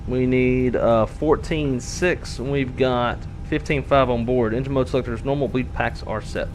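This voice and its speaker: A man's voice: medium pitch, unhurried, faint music behind. A man speaking as an airline pilot on a headset, giving clipped procedural callouts and radio readbacks. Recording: loud steady cockpit hum.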